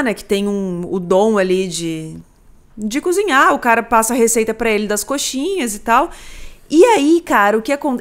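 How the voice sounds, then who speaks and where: A woman hosting a podcast, chatting casually and summarizing a film plot, with acted quotes. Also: a little high. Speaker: podcast host.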